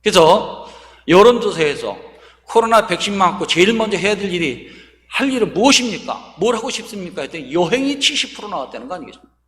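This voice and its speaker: A pastor with a high, lively male voice delivers a sermon at a fairly quick pace. He preaches emphatically, firing off rhetorical questions, and the church sanctuary wraps everything in long hall reverb.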